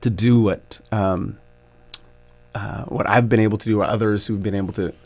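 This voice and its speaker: A man in his forties, a basketball coach, speaking as a guest in a radio interview, thoughtful and grateful, laughing easily and pausing with many fillers. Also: on the low side, steady tone, darkish tone, no room sound. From Canada.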